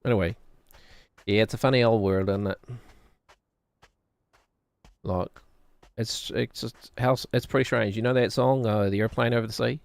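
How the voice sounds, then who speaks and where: A middle-aged man commentates a game casually. His voice is on the low side and recorded dry. He muses wryly and rambles as if to himself. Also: fairly even intonation, moderate pace, gravelly, dry recording. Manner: musing, wry, talks to himself. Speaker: gaming streamer.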